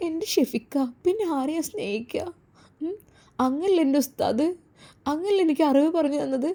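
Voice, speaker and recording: Woman playing a devoted young wife, soft hushed voice, high, mellow, soothing, storybook. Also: lively intonation, moderate pace.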